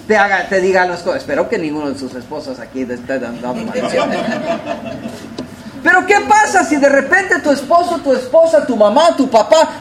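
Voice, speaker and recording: Animated high-voiced preacher. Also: male voice, slight background noise, rough recording. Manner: animated, rhetorical questions, swings between loud and soft. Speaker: pastor. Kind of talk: sermon.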